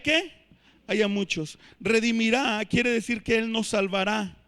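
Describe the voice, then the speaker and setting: A man preaching a sermon in church, emphatic and swelling to shouts. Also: very high-pitched, smooth. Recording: reverberant church hall.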